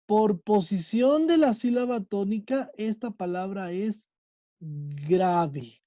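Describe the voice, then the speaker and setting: A man's voice: sits high, a little slow, mellow, no echo, lo-fi sound. A man with a Mexican accent, teaching a Spanish class and quizzing his students, checking in with them again and again. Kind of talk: online class lesson.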